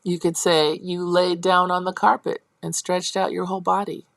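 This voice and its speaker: A woman gives a college lecture on early childhood teaching at normal speed, her voice showing vocal fry in a dry recording. She moves step by step, checks in with the class, and plays out teacher and child lines in a high, animated voice.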